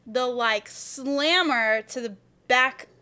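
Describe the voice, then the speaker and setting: A woman's voice: high-pitched, slow pace, sharp tone, smooth. A woman co-hosting a podcast, chatting enthusiastically and quoting favorite movie lines. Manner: enthusiastic, quotes favorite lines and laughs often. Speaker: podcast co-host. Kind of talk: casual chat.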